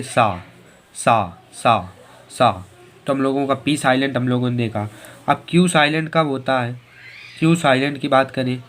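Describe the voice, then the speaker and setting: A male teacher giving a slow spelling lesson, spelling out letters one by one and repeating each word several times. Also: mid-range voice. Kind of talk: Hindi spelling and pronunciation lesson.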